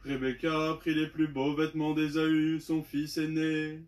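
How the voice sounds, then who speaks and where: Male lector for a liturgical reading, slow and almost toneless. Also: fairly high pitch, very noisy. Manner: flat, unvaried, measured delivery. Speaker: lector at vespers.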